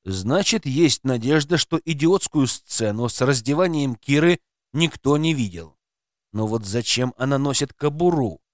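A man narrating an audiobook with a lively, dramatic delivery. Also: mid-range voice, a little slow, no echo, clean studio sound.

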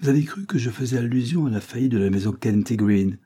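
A man's voice: medium pitch, fast talker, mellow, breathy edge, voice pushed up, close to an everyday voice. A man voicing a timid, fussy old clerk who talks in apologetic, roundabout circles in a storybook reading. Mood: hesitant.

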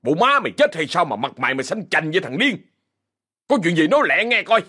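A man's voice: on the high side, wildly swooping pitch, fairly quick, a bit bright, breathy edge, pitched above the performer's own voice, heavily acted. A man doing a snarling cruel landowner. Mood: furious. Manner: harsh, barking, scornful. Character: cruel, sick middle-aged landowner, short-tempered.

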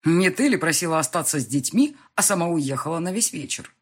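A woman voicing a cold, jealous husband in an audiobook, curt and stern, in a husky tone. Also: rumbling low, sing-song, moderate pace, darkish tone, pitched below the performer's own voice, heavily acted. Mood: harsh, accusing.

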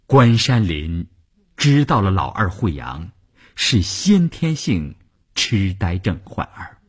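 A man reading a novel aloud for radio, highly expressive, sinking to whispers and swelling again. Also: slow, slightly rough.

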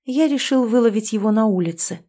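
Female audiobook narrator, dark mellow tone, hushed and somber. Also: on the high side, brisk. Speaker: audiobook reader. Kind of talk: first-person gothic story narration.

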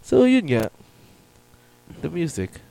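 A man's voice: on the high side, slow pace, gravelly. A Filipino man co-hosting a casual podcast chat, laughing often and mixing English in. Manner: laughs often, mixes Tagalog and English, animated. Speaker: podcast co-host.

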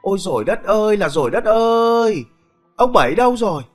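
A woman's voice: mid-range voice, lively intonation, brisk, faint music behind, pitched above the performer's own voice, natural voice. A man voicing a furious, foul-mouthed village wife who screeches curses and wails in a storybook reading. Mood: screeching abuse.

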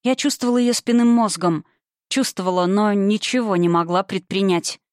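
A woman's voice: medium pitch, moderate pace, a little mellow, dry recording, studio quality. A woman reading a first-person story as an audiobook narrator, with suspense.

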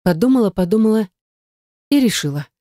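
A woman's voice: medium pitch, animated, brisk, dark tone, no room sound, clean studio sound. A woman narrating a story aloud, reading all the characters' lines in her own voice. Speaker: audiobook narrator. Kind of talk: scripted narration.

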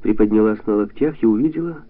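A man calmly reading a literary novel aloud in a measured, even way. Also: fairly low pitch, dry recording. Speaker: audiobook narrator. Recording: tinny lo-fi radio sound.

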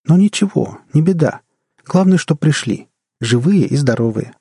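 A man's voice: fairly high pitch, lively intonation, moderate pace, mellow, breathy edge, dry recording, studio quality, voice pushed up. A man voicing an eleven-year-old boy trapped in an old man's body, speaking in a raised, eager, friendly voice in an audiobook.

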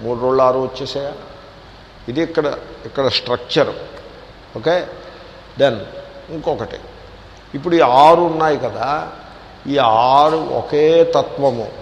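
A man's voice: a little high, highs cut off, a little hiss or hum. A man, a swami, giving a scripture discourse in a wry, questioning manner, mixing in English words. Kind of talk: Vedanta discourse. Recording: echoey hall with faint ambience.

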